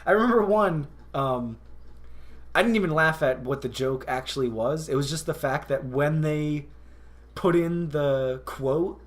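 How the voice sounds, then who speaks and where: A man's voice: on the high side, measured pace. A man co-hosting a casual comedy podcast, rambling and laughing often, sometimes dropping to a mumble. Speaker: podcast co-host.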